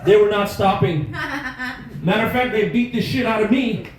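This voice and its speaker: Animated man telling stories on stage. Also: sits high, normal speed, a crowd in the background. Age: 30s. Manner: animated, profane, self-mocking. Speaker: stand-up comedian. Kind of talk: stand-up storytelling. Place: comedy club stage. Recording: echoey room, faint noise.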